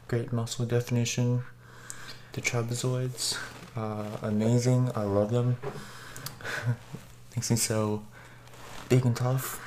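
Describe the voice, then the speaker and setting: A man speaks from behind a face mask, his delivery slow and hesitant, full of small pauses and restarts. His pitch stays flat with little rise or fall. A faint hiss of noise sits under the recording. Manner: hesitant, many ums and restarts. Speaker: mask reviewer. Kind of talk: casual product review.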